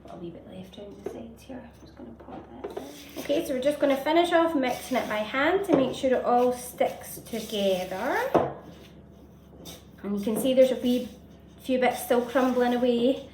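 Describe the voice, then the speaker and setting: Echoey high-voiced woman teaching children baking. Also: moderate pace. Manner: simple, encouraging instructions addressed to children. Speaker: host of a children's baking show. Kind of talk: step-by-step baking demonstration for children. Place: indoor home kitchen. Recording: echoey noisy kitchen, distant mic, utensil clatter.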